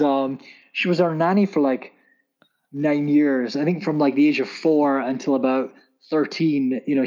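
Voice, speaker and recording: A man's voice: on the high side, a little mellow, highs cut off. A man in his thirties, a founder guest telling stories in a casual interview, rambling with many fillers and restarts. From Scotland. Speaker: podcast guest, tech founder.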